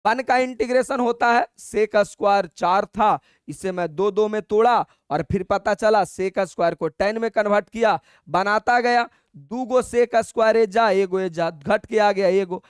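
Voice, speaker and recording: High-voiced man teaching maths. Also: clean tone, dry recording, studio quality. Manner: colloquial, coaxing, addresses students as brother; dictates steps slowly and repeats them. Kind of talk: exam-prep lesson.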